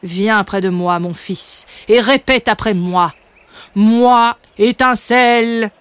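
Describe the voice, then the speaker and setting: A woman's voice: mid-range voice, takes it slowly, clean tone, no echo, lightly acted. A woman voicing a proud, stern male father dragon who speaks in a solemn, commanding way, in a storybook reading.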